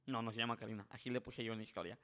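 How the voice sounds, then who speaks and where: With a voice on the low side, a man races through a casual story as a guest on a podcast. Animated, he acts out the voices of the story's characters and often restarts his sentences.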